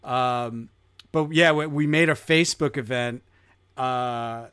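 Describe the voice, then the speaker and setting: A man's voice: mid-range voice, slow pace, fairly bright tone, clean tone, no room sound, clean studio sound. A man hosting a casual podcast chat, laughing often and rambling with fillers. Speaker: podcast host.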